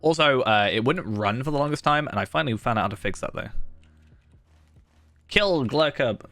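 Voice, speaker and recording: A man's voice: medium pitch, quick pace, a bit bright, dry recording. A man giving casual commentary on a game he plays, rambling and musing aloud. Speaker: gaming video host.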